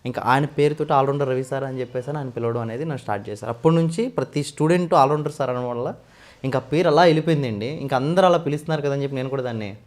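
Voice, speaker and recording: A man from West Godavari in India, a mimicry artist, telling his story in a casual interview and often addressing the interviewer as sir. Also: medium pitch. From West Godavari, Andhra Pradesh. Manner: fast, animated storytelling with frequent sir.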